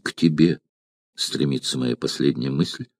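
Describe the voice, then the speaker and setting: Doomed rebel leader saying goodbye, solemn and heartfelt, deep low voice, a man reading it out in an audiobook. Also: a little slow, no echo, studio quality. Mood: solemn farewell. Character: doomed rebel leader writing a farewell letter.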